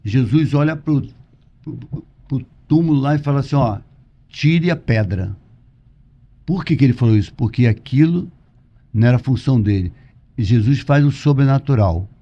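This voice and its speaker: A man's voice: mid-range voice, normal speed, pauses often, mellow. A Brazilian man, a pastor, preaching conversationally and emphatically, repeating points and asking rhetorical questions. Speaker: pastor, podcast guest. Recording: dull lo-fi audio.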